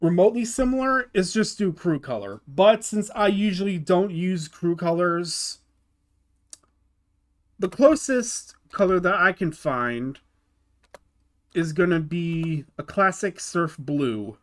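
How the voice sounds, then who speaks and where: A man's voice: high voice, lively intonation, takes it slowly. A man hosting his gaming channel, talking through a car build in a casual tutorial voice-over, often stopping to restart and repeat words.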